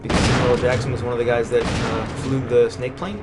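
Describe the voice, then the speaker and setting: Loud music plays behind this co-host as he quickly and flatly explains his gameplay in a medium-pitched voice. He's playful in the casual let's-play, teasing his partner along the way.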